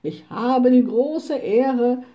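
A woman's voice: fairly high pitch, very slow, muffled recording, pitched above the performer's own voice. A woman voicing a stiff, pompous male rifle club captain who gives a formal speech.

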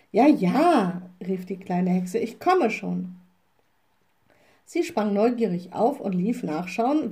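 A woman reading a children's story aloud in a slow, expressive storybook manner. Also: on the high side.

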